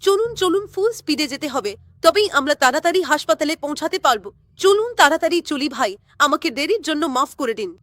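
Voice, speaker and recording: A woman voicing a hurried male ambulance driver in a doll story, who talks politely and keeps apologizing. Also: high voice, expressive, a bit bright, no echo. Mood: reassuring.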